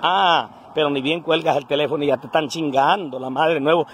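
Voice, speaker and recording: Brisk and fairly even in intonation, this man's slightly high voice carries a coastal Guerrero Mexican accent as he vlogs into his phone at arm's length. In his forties, he talks earthy and salty to camera, starting indoors in a house before heading to a roadside, with slight background noise.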